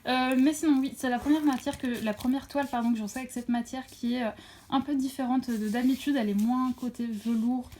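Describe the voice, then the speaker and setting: Young woman vlogger, slightly high and mellow voice, chatty with lots of fillers, filming on a phone at home. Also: steady tone, brisk, slight background noise. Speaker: crafts vlogger. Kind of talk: casual unboxing chat. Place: at home near a window. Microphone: phone camera.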